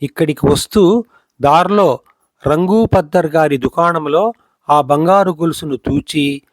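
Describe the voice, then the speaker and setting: A man's voice: fairly high pitch, a little slow, no echo, studio quality, close to an everyday voice. A man voicing a revered elderly male sage who laughs and gives commands in a storybook reading.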